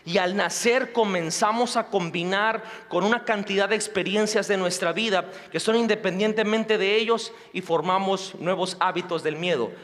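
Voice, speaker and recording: A male pastor preaching with a high voice and dramatic swings between loud passages and hushed ones. The sermon rings out in a church hall, and a long reverb trails after every phrase. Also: moderate pace, hardly any pauses.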